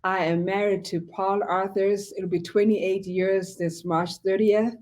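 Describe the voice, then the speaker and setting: With a steady, mid-range voice and an unhurried pace, a pastor in her forties who comes from Zimbabwe recounts her story warmly. It is casual interview talk as a guest, thick with fillers.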